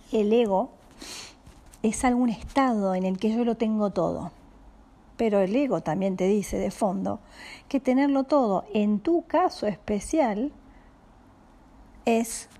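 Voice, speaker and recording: Woman, Rioplatense accent, spiritual teacher, calm and unhurried, slips into whispers, mellow gravelly tone. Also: medium pitch. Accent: Rioplatense Spanish. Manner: calm, slow, often drops to a soft whisper. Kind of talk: reflective spiritual talk.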